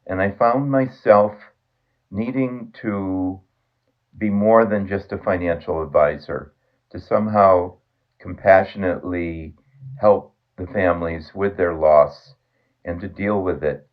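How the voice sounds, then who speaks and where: A man interviewing a guest, telling his story in an earnest, measured way. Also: low-pitched. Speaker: interviewer, financial advisor. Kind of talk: conversational interview. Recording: tinny phone line.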